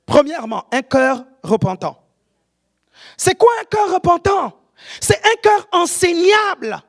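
A woman preacher with an African French accent, delivering an animated sermon, often shouting and keeping the congregation with her. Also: very high-pitched, slow.

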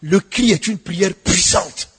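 High-voiced husky French preacher in a hall. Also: male voice, takes it slowly. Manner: swings from hushed pleading to shouted exhortation. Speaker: pastor. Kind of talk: sermon.

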